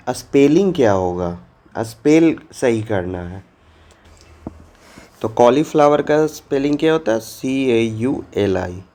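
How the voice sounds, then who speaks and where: Male teacher, slow and patient, bouncy intonation, quizzing young children. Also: mid-range voice, darkish tone. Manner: slow, questioning, repeats answers for young students. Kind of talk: exam-prep lesson for children.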